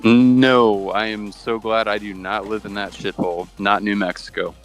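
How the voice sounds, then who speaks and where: A man on a casual voice call, talking in a dry, deadpan way. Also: on the low side, normal speed, faint music behind.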